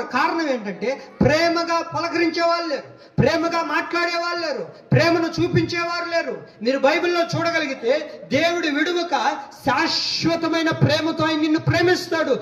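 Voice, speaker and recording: A man's voice: very high-pitched, fairly bright tone. A male pastor preaching a sermon, emphatic and repetitive, speaking directly to his congregation. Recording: echoey hall, distant mic.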